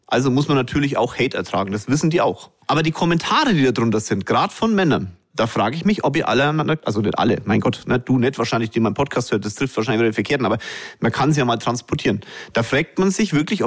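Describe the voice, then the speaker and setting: A man hosting a podcast, talking straight to his listeners in a blunt, colloquial monologue. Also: medium pitch. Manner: addresses listeners directly. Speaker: podcast host.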